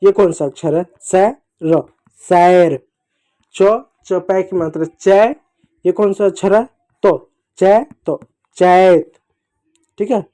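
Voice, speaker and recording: A male teacher leads a children's reading lesson at an unhurried, measured pace. His voice is dark and mellow. He repeats each sound, asks the children to echo it and speaks to them fondly. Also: high voice.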